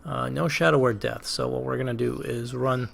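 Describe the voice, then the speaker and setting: A man's voice: medium pitch, fairly even intonation, normal speed, vocal fry, fairly bright tone, a little hiss or hum. A man with a Boston accent hosting a casual let's play, thinking aloud through each move with hesitant, self-questioning commentary. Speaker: gaming channel host.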